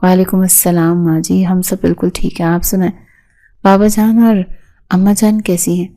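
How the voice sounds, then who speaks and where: A woman's voice: on the low side, flat delivery, warm tone, lightly acted. A woman reading an easygoing young husband.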